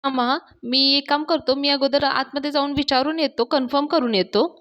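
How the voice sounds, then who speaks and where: A woman's voice: high-pitched, fairly even intonation, moderate pace, a bit bright, voice pushed up. A woman voicing a young man who is an eager, bossy helper and speaks in a pushy, coaxing way. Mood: urging.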